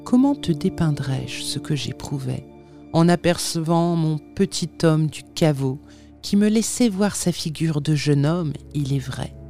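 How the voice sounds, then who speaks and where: A narrator reading a classic tale aloud as an audiobook, with measured, dramatic storytelling. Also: mid-range voice, dark tone.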